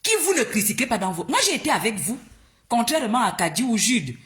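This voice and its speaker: A woman from Gabon speaking on a live stream, her pitch swinging up and down as she argues. She sounds indignant and confrontational, repeats her questions, and trips over restarts when she gets agitated. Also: very animated, fast, a bit bright. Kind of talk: heated live-stream monologue.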